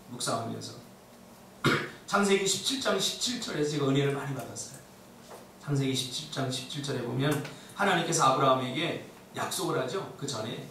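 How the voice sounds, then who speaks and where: A man preaching a sermon as a pastor, animated, acting out the voices he quotes. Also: fairly high pitch, slight background noise. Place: church sanctuary. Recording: echoey church hall, mic at a distance.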